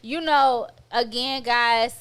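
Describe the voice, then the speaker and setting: A woman's voice: a little high, fairly even intonation, slow, fairly bright tone, clean tone. A young woman co-hosting a podcast in casual chat, laid-back and slangy, laughing often and acting out quotes. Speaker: podcast co-host.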